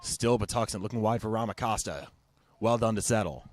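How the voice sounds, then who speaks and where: A man delivers live televised soccer play-by-play in clipped, fragmentary calls of the action. His voice is lowish, brisk, and slightly mellow, and the recording is dry.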